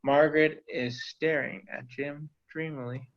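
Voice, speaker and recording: A man's voice: on the high side, fairly even intonation, measured pace. A man reading stage directions aloud in a plain, matter-of-fact way. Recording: dull lo-fi audio.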